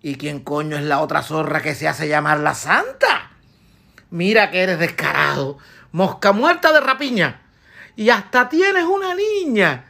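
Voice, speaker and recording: A woman voicing a jealous wife who scolds her husband in shrill, sarcastic rhymed verse for a comic piece. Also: creaky, a bit bright, exaggerated voice. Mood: scolding.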